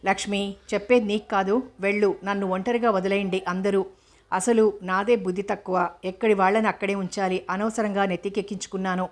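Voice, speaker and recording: A woman's voice: mid-range voice, steady tone, brisk, close to an everyday voice. A woman voicing an irritable young film actress who talks in curt, scolding lines. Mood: irritated.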